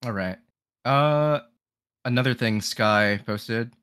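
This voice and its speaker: A co-host reading viewer requests aloud and chatting in an upbeat, quick way. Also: mid-range voice, fairly bright tone, clean tone, no room sound. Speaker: stream co-host reading chat. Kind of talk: casual stream chat.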